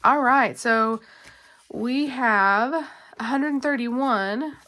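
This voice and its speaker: A woman's voice: fairly high pitch, very slow, bright, forceful tone. A woman chatting casually while she counts cash, rambling with lots of fillers and congested from a cold. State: congested, coughing. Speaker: budgeting vlogger.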